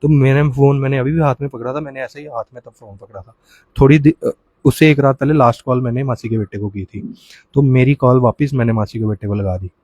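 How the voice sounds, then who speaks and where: A man giving an emotional first-hand account as an interviewee, speaking haltingly with restarts and often saying sir. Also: medium pitch, fairly even intonation, a little mellow, no echo, highs cut off. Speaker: relative of the deceased, interviewee.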